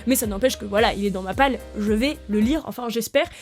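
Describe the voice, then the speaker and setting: A young woman in a casual, chatty book vlog, talking excitedly to her viewers with plenty of fillers and restarts. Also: a little high, fast talker, faint music behind. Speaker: book vlogger. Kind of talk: casual chat to camera.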